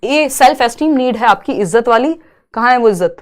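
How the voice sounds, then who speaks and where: A woman's voice: a little high, animated, fairly quick. A woman teaching an exam-prep lesson in a chatty, reassuring way, mixing into her talk. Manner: chatty, reassuring, mixes Hindi with English terms. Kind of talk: online exam coaching lesson.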